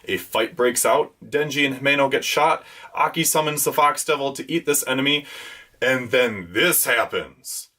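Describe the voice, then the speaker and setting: A man's voice: mid-range voice, moderate pace, pushed and bright. A man hosting a weekly manga review, reading a scripted rundown with enthusiastic fan commentary.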